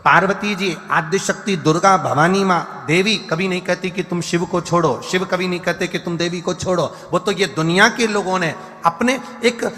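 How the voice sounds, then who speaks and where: A man's voice: high-pitched, moderate pace, few pauses, pushed and bright. A man preaching a devotional sermon, hammering points through repeated lists and now and then singing verses. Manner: repetitive emphatic lists, breaks into song. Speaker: katha preacher. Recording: live hall reverb with faint music.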